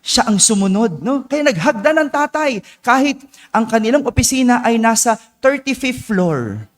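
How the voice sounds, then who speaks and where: A man's voice: extremely high pitch, sing-song, moderate pace. A male priest preaching a homily, telling a story and tagging his lines with "no?". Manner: tells a story with frequent "no?" tag questions. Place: church. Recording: long church reverb.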